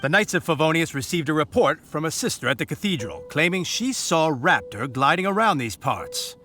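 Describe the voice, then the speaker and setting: A man's voice: on the high side, lively intonation, brisk, pushed and bright. A man voicing a stiff, officious knight in a game, speaking in a formal, by-the-book way. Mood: explaining.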